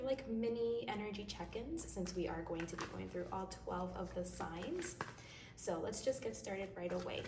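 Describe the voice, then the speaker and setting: A woman with a medium-pitched, slightly mellow voice hosts a tarot reading, chatting casually and reassuringly, her nose a bit stuffy from crying. She's recorded from a distance, so the room echoes and there's faint noise.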